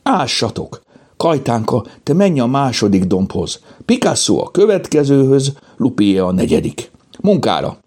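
A man voicing an excitable, bossy young girl in a children's audiobook, with high, eager exclamations. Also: husky. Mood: excited.

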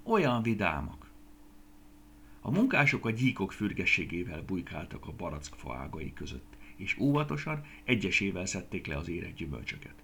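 A man narrating a children's story in an expressive, lilting reading voice. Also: low voice, vocal fry, few pauses, a little hiss or hum.

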